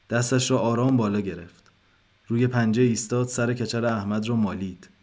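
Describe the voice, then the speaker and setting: A man narrating a literary short story in a calm, measured way. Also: mid-range voice.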